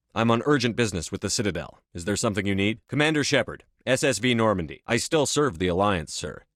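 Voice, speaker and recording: Video game military commander: low male voice, steadfast, clipped and formal, dry close sound. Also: a bit bright, no echo. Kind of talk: video game dialogue lines.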